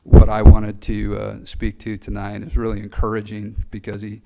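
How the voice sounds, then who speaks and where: A man speaking at a fire recruit graduation ceremony, earnest and a little halting, with fillers. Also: lowish voice, monotone, gravelly, dark tone, rough recording. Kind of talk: ceremony speech. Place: ceremony hall. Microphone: podium mic.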